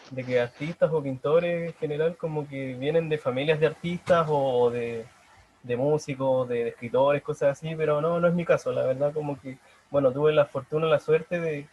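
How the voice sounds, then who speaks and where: A young man with a Chilean accent, a painter answering interview questions in halting, self-correcting casual talk over a video call. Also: a little high, a little mellow, poor audio. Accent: Chilean Spanish. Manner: hesitant, halting, many restarts.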